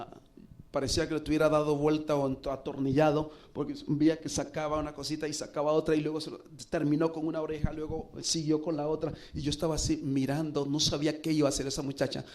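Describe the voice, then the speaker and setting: Higher-voiced man preaching a sermon. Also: little pitch movement. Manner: earnest, recounting a personal story with dramatic pauses. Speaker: pastor. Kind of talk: sermon storytelling.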